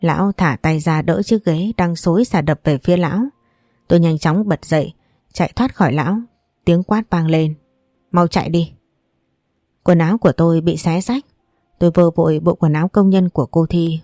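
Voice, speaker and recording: A woman reading a novel aloud in first person, in a steady, even storybook narration. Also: on the low side, no room sound, studio quality. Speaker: audiobook narrator.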